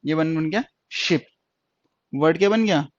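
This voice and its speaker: High-voiced man teaching step by step. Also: no room sound. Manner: explains step by step, repeats words and sounds slowly. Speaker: stenography teacher. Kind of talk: online lesson. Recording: dry, dull lo-fi sound.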